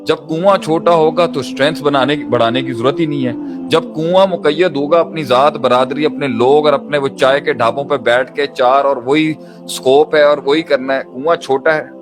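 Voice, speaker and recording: A man's voice: a little high, steady tone, normal speed. A man preaching a motivational sermon, pressing his point with repeated rhetorical phrases and English terms mixed in. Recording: music playing under the voice.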